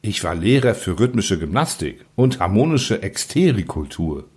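A man voicing a gentle, solemn young angel who speaks softly and unctuously. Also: lowish voice, very animated, normal speed, breathy edge, voice pushed down. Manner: soft, solemn, unctuous speech.

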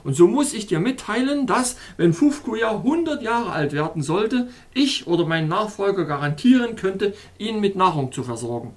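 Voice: medium pitch, expressive, normal speed, hardly any pauses, close to an everyday voice. A reader voicing a male official of an ice kingdom in an audiobook, reassuring and matter-of-fact. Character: master of the meat quarries, helpful male official. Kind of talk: audiobook character voice.

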